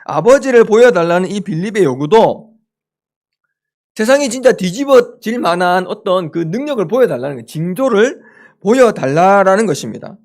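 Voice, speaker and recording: Man preaching at a campus chapel, lively high voice, playful, acts out the disciples. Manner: jokes with the audience. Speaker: campus ministry speaker. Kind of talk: chapel sermon. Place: chapel room with a live audience.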